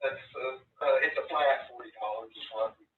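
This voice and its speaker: A man's voice: mid-range voice, normal speed, far from the mic. A man talking over a speakerphone as a vendor answering questions, hesitant and full of "uh" fillers. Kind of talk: casual phone call. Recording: tinny speakerphone heard from afar in an echoey room.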